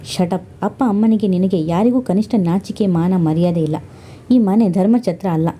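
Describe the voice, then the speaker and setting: A woman's voice: medium pitch, normal speed, natural voice. A woman voicing a bitter, sarcastic young wife in an audio story. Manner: sharp, sarcastic.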